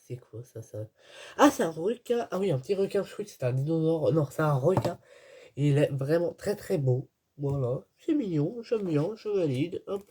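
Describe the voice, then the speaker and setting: A woman's voice: low voice, warm tone. A woman vlogging as she opens an advent calendar, chatting casually and grumbling in exasperation, with laughs in between. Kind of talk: casual unboxing chat. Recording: noisy with crinkling packaging. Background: clicks and crinkling wrappers.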